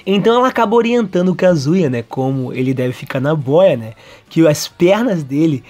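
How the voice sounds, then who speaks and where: Excitable man recapping manga. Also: a little high, normal speed. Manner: excitable, laughs often, tags lines with "né?". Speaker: anime and manga reviewer.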